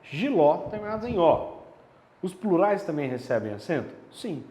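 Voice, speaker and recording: A man's voice: on the high side, big pitch swings, normal speed, warm tone. A man teaching a grammar lesson, explaining step by step and checking in with rhetorical questions. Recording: echoey room with long reverb.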